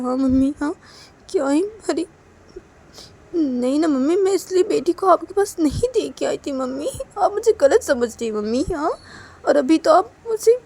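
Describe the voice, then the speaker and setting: A woman voicing a sulky, hot-tempered young woman who scolds loudly and repeats her refusals, in a storybook tale. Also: medium pitch, pitched above the performer's own voice.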